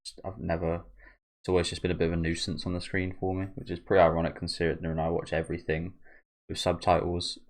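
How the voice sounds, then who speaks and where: A man's voice: low voice, completely flat delivery, quick pace. A man giving casual, rambling reaction commentary as the host of a video channel.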